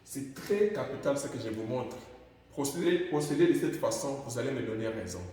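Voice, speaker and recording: A man's voice: medium pitch, lively intonation, brisk, dark tone, a little hiss or hum. A man with a Central African French accent teaching English in a classroom, calling out example phrases with emphasis. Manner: drills English words with raised, emphatic calls. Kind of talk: classroom lesson. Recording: echoey room, far from mic.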